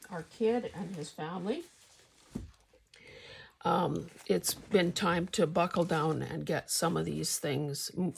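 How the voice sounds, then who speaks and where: An older woman hosting a casual craft vlog, speaking haltingly with a husky, gravelly voice, slightly mouth-full as if sucking a candy. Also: fairly low pitch, a little hiss or hum. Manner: halting, hesitant delivery with pauses. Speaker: craft channel host.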